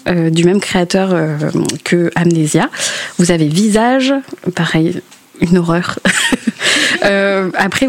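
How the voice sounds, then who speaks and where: Woman, game columnist, casual chat, hesitant with fillers, mid pitch, dry close sound. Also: a little mellow, dry recording. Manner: hesitant, many fillers, laughs often. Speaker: columnist on video games. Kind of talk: radio-style chronicle, casual spoken.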